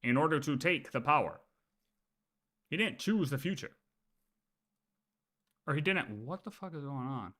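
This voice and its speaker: Chatting casually while reacting on a game livestream, this man speaks at a measured pace with long pauses, his high-leaning voice expressive, pushed, and bright. He's argumentative, hammering the same points again and swearing.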